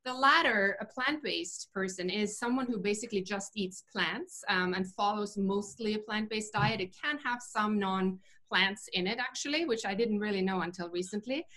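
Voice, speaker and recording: A woman's voice: mid-range voice, normal speed, few pauses, sharp tone. A woman in her forties talks as an interview guest over a video call from home. She speaks thoughtfully, circling back with fillers and restarts as she explains her views. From Norway. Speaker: guest, vegan chef. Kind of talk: casual interview talk. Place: home room indoors.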